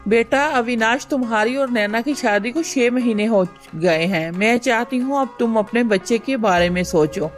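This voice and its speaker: A woman voices a middle-aged mother in an animated storybook who scolds and bosses her grown daughter like a stern mother-in-law. Her voice sits somewhat high, and faint music plays behind her. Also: normal speed, hardly any pauses, lightly acted. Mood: insistent. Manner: scolding, bossy.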